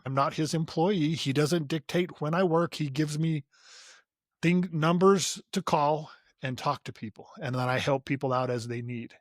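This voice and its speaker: A fairly high-pitched man talks as a podcast guest, earnest and motivational, often stumbling over the first words of a sentence. The sound is dry and close, with no room around it. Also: no room sound. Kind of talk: conversational interview.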